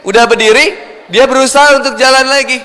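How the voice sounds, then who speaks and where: Male preacher, Sundanese accent, high bright voice, storytelling sermon in a reverberant hall. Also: fairly quick. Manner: lively storytelling, acting out both sides of a married couple's spat. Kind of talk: humorous sermon.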